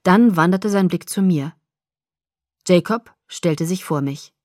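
A woman narrating a first-person story as an audiobook reader, with expressive scripted delivery. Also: lowish voice, takes it slowly, no echo, studio quality.

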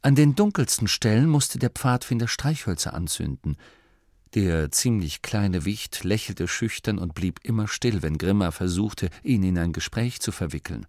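A man narrating an audiobook in calm, scripted storytelling. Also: lowish voice, normal speed, dry recording, clean studio sound.

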